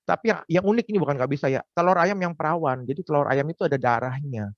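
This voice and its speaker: Man, fairly high voice, frank confessional testimony; dull, dry recording. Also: quick pace, dry recording. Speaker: testimony speaker. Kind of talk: personal testimony.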